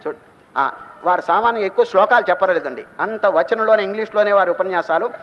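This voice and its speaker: An older man giving a spiritual discourse, chanting Sanskrit verses slowly and explaining them with questions to his listeners. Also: high voice. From Telugu-speaking South India. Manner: asks the audience rhetorical questions. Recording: long reverb, dull lo-fi sound.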